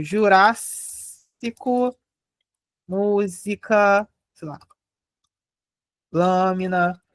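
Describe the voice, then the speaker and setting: Woman, Brazilian accent, online teacher, step-by-step explaining, mid pitch, dry close sound. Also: dry recording. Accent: Brazilian Portuguese. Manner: explains step by step, often says "ó", spells out syllables slowly. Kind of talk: live online grammar lesson.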